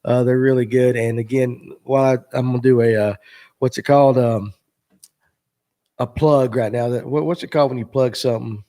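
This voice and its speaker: A man's voice: mid-range voice, steady tone, brisk, mellow. A man, hosting a casual live fishing chat in a rambling, joking way with lots of fillers. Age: 40s. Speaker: show host.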